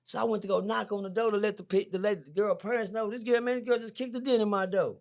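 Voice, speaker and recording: A middle-aged man, a podcast guest, telling a story in a lively, slangy way, repeating himself and jumping high when excited. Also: quick pace. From Texas. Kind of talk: animated storytelling. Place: podcast studio.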